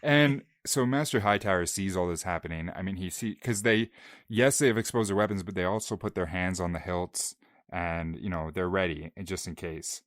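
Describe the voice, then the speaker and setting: Very deep-voiced man, jokey co-host. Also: normal speed, no room sound, studio quality. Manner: jokey, firmly corrects his co-host. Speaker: podcast co-host. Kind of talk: casual book discussion podcast.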